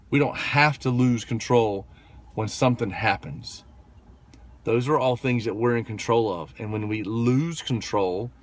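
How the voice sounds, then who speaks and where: Chatty dad telling a story. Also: male voice, lowish voice. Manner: conversational, full of fillers and tag questions. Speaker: motivational vlogger. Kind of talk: casual storytelling monologue.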